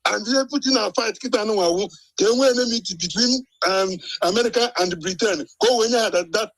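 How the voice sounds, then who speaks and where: A Nigerian man joins a live stream as a guest, chatting casually in a blend of Igbo and English. His voice is high and quick, and he talks insistently, checking in with the host again and again with "eh?". The recording is low quality but has no echo.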